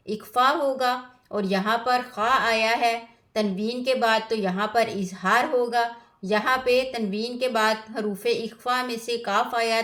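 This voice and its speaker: A woman teaching Quran tajweed, reciting verses slowly and melodically, then explaining each rule in quick, repetitive phrases. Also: on the high side, a bit bright. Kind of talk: tajweed lesson alternating slow recitation and explanation.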